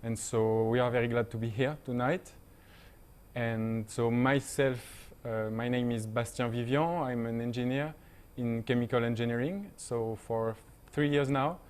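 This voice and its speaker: A young man, a panel guest speaking halting English with many fillers. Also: mid-range voice, steady tone, darkish tone, clean tone. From France. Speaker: panel guest, volunteer teacher.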